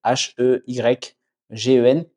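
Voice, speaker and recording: A young man with a warm, dark southwest French accent talks as a podcast guest. He speaks in a relaxed, casual way, full of fillers and restarts. His pitch sits in the middle range. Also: slow. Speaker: podcast guest, agency founder. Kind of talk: casual conversation.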